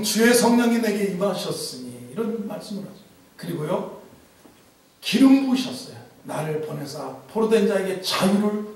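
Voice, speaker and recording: High-pitched preaching man in echoey hall. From Chungcheong, Korea. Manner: animated preaching with humor and mimicked dialect. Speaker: pastor. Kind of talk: sermon. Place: church sanctuary. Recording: echoey church hall from a distance.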